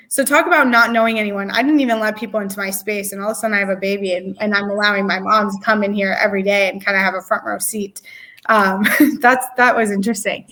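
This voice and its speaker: Young woman in her twenties opening up in an interview, candid, lots of ums and restarts, middle pitch. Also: fairly bright tone. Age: 20s. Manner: emotional, candid, many fillers and restarts. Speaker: interview guest. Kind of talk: personal story in an interview.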